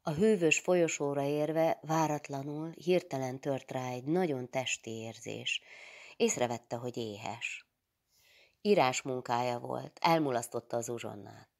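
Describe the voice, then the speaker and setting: A woman reading a literary novel aloud in a measured, expressive way. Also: very deep voice, creaky. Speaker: reader.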